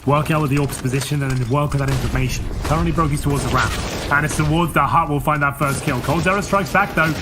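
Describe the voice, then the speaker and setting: Fast-talking excitable male esports caster. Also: on the high side, music in the background. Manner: rapid, excitable calling of the action. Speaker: play-by-play caster. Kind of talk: live esports play-by-play commentary. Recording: clear background noise with clicks.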